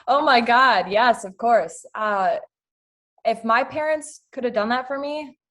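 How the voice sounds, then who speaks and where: A woman's voice: a little high, measured pace, a bit bright. A woman guest on a podcast, a blended family coach, talking candidly and emotionally with lots of fillers. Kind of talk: casual interview talk.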